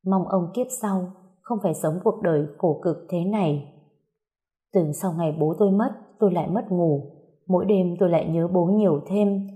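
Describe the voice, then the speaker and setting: Mellow woman telling a sad story. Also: fairly low pitch, normal speed. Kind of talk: scripted first-person story narration.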